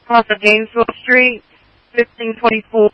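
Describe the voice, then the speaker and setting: An emergency dispatcher calls out units, addresses, and times in clipped codes over a two-way radio. His very high voice shows little pitch movement at normal speed, with slight background noise, and the transmission sounds muffled and dry.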